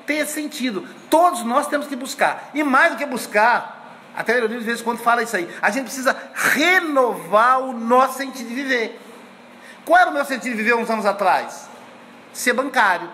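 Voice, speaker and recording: High-voiced man in his fifties. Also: bright, forceful tone, a little hiss or hum. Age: 50s. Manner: chatty storyteller, frequent tag questions. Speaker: course teacher. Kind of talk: conversational lecture with anecdotes.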